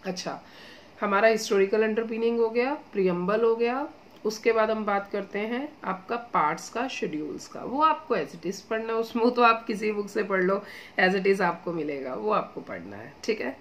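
A woman's voice: medium pitch, lively intonation, normal speed, a little hiss or hum. A woman exam-coaching teacher giving casual study advice, chatty and encouraging, often checking in with her students and mixing English phrases into her talk. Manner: chatty, addresses students as beta and guys, mixes English phrases; repeats "theek hai" as a check-in.

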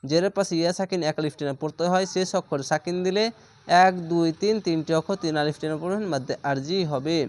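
A man teaching Quran reading, sounding out each letter and syllable slowly and patiently in a step-by-step lesson. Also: a little high, a little mellow. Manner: slow, drawn-out syllable-by-syllable recitation.

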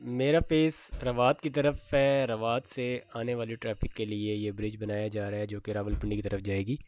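A man from Pakistan presenting a construction update, calmly pointing out places and describing the work on a site video tour. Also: fairly low pitch, moderate pace, faint music behind. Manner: plain explanatory, pointing out locations.

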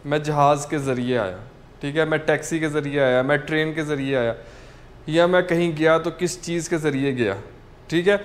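A man teaching vocabulary, spelling out words and patiently repeating each one for learners. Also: sits high. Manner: patient, repeats each word several times. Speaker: language teacher.

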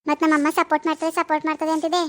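A woman voicing a teasing young village wife in a cartoon, coaxing and quick. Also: high voice, completely flat delivery, a bit bright. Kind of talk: cartoon voice acting.

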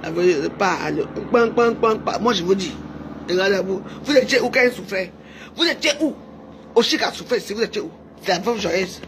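A social media personality unleashes an angry, insulting rant at her camera, shouting taunts and repeating her jabs. Her medium-pitched voice is expressive at normal speed, with background noise behind her.

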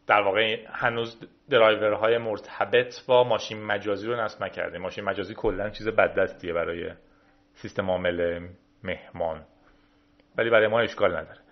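This Iranian tech host has a fairly low voice with fairly even intonation, and the recording's highs are cut off. He walks through a casual screen-recorded tutorial, chatting as he clicks from menu to menu.

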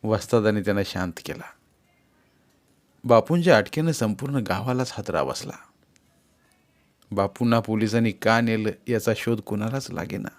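A man narrating a novel in an audiobook with a steady, measured reading. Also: fairly low pitch.

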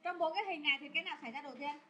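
A woman teaching English to a class of children, asking questions loudly and scolding pupils who don't focus. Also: high voice, rapid-fire, heavy background noise. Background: children chattering.

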